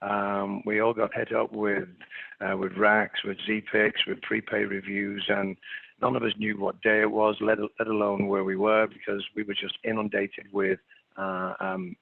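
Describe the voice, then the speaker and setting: A man's voice: lowish voice, little pitch movement, a little slow, gravelly, no room sound. A middle-aged man with an English accent giving an informal webinar presentation, hesitant, polite and self-deprecating. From England. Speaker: webinar presenter, clinical consultant. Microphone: remote webinar call. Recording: narrow phone-like line.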